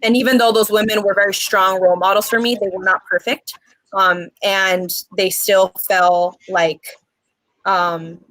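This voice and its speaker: In a casual interview chat, an earnest guest poet in her twenties, Mexican-born and raised in the United States, fills her speech with "um" pauses. Her bright, mid-range voice is dry with no room sound, though the recording is rough.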